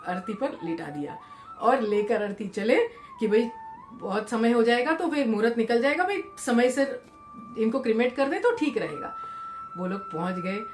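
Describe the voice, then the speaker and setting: An Indian woman narrates a devotional moral tale, her voice sitting a touch high. She shifts between plain narration and the quoted lines of the people in her story. A faint hum of room ambience sits underneath. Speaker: spiritual storyteller.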